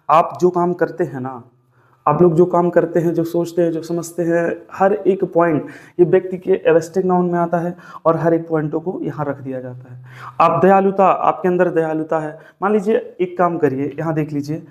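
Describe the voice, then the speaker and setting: Man teaching grammar, coaxing and repetitive. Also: a little high. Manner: repetitive, coaxing, addresses viewers as brother and sir; dictates notes, tells viewers to write things down. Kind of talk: classroom-style grammar lesson.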